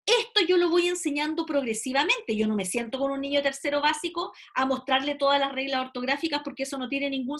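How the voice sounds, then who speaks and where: High-voiced woman teaching a class. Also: a bit bright. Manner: explains step by step, checks with "¿ya?". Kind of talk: classroom lecture.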